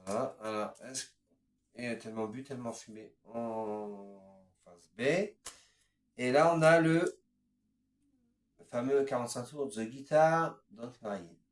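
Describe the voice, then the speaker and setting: A man in his fifties walks through his record collection in a casual show-and-tell, hesitant and chatty, moving from one item to the next with frequent filler words. His voice sits at an average pitch. The recording carries a roomy echo. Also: slow, pauses often. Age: 50s. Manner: hesitant, strings items together with "voilà" and "ensuite".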